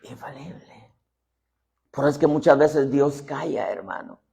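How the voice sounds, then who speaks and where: A male preacher delivers a sermon with lively, swooping intonation. He lifts his voice into exclamations, then sinks into hushed whispers. His tone is husky and somewhat high. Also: fairly quick. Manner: animated, swinging from loud exclamations to hushed whispers; addresses listeners as "hermano". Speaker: apostle preaching.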